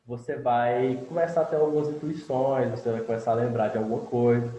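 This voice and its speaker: Homem calmo explicando, som abafado e com eco. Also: male voice, mid-range voice, a little fast. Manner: calm, repetitive, often ends phrases with "né?". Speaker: therapist leading a group session. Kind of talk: instructional talk, demonstrating a tapping technique. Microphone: phone. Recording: lo-fi, roomy, faint noise, recorded on phone.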